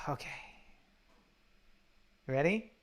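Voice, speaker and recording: A man leading a guided meditation from a laptop or phone while traveling, talking haltingly with many fillers and restarts. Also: a bit bright. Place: undisclosed spot while traveling. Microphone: laptop or phone mic.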